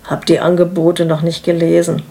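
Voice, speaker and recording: A woman's voice: lowish voice, little pitch movement, moderate pace, vocal fry, warm tone. A woman reading the lines of a laid-back, distracted middle-aged husband, speaking in a dry, matter-of-fact way. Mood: offhand.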